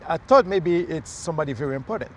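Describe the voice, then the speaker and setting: A man's voice: fairly high pitch, expressive, fast, a little hiss or hum. A man from Haiti, a mayoral candidate, talking earnestly in a casual outdoor interview with many fillers and restarts. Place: outdoors in a city near traffic.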